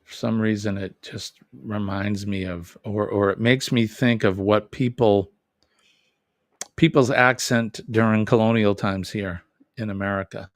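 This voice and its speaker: Heard in a dry, studio-quality recording, this Boston man speaks a little slowly at a lowish pitch with fairly even intonation. He hosts a laid-back live stream from New England, reading comments aloud, rambling, self-correcting and chuckling a lot.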